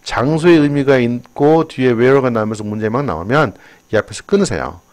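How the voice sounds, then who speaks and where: An older man teaches an exam-prep English lesson in a chatty way, wandering into personal asides. His pitch swings widely from phrase to phrase around a mid-range voice. He talks like a friendly tutor walking students through a test. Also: animated, moderate pace.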